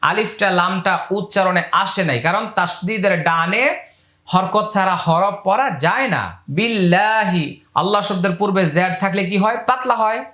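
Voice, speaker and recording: Guy teaching quran reading, spells each letter then chants it out slow, bright voice, echoey room. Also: high-pitched. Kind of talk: step-by-step Quran reading lesson.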